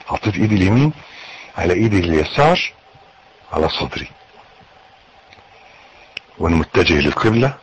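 A man with an Egyptian Arabic accent teaching how to pray, coaxing his listeners and demonstrating each step, with a husky voice. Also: sits low, big pitch swings, normal speed, pauses often, slight background noise, poor audio. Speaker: religious teacher.

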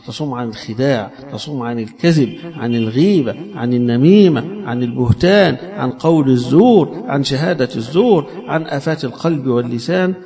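A man preaching a sermon in an Egyptian Arabic accent, rising to emphatic lines and then dropping to soft low asides.

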